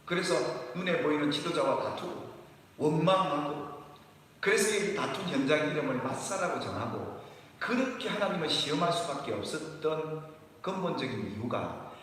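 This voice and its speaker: A man preaching a sermon as pastor, animated, often acting out complaints as questions. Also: on the high side, moderate pace. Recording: echoey hall, voice from a distance.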